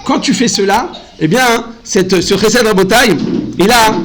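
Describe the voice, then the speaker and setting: A man giving an animated Torah class, often calling out to his listeners and mixing in Hebrew terms. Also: sits high, measured pace, slight background noise, poor audio. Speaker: rabbi teaching a Torah class. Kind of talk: lively Torah lesson.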